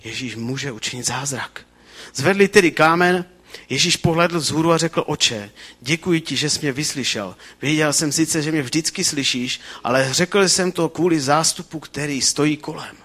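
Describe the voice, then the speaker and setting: Male preacher, sermon delivery, animated and fervent, bright tone, restarts mid-phrase. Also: on the high side, slightly rough.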